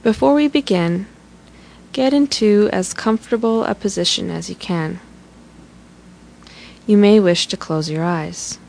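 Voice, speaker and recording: A woman leading a guided relaxation meditation in a slow, soothing, instructional way. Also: mid-range voice, creaky, a little mellow.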